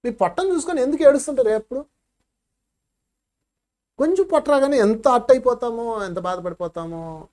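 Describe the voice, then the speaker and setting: Animated fifty-something meditation teacher. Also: male voice, very high-pitched, a little fast, long pauses. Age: 50s. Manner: animated storytelling with sharp swings in loudness. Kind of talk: spiritual talk.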